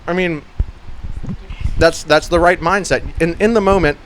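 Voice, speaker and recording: A man's voice: a little high, moderate pace, fairly bright tone, slight background noise. Rambling casual male podcast host. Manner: rambling, peppered with "like" and "you know"; blunt, swears casually. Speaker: gym coach and podcast host.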